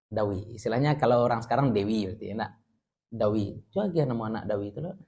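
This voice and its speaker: A man's voice: lowish voice, expressive, quick pace, dark tone. A man with a Minangkabau accent teaching an Islamic study class, explaining Arabic terms and joking with his listeners. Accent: Minangkabau Indonesian. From West Sumatra. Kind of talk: religious study lecture.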